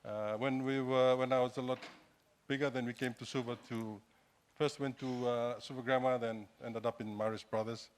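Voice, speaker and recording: A man's voice: medium pitch, little pitch movement, moderate pace, a little hiss or hum. A middle-aged man with a Fijian accent speaks to an audience in a hesitant, self-deprecating, conversational way. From Fiji. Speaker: guest speaker, entrepreneur. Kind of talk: informal public talk to an audience. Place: indoor hall, standing at a lectern.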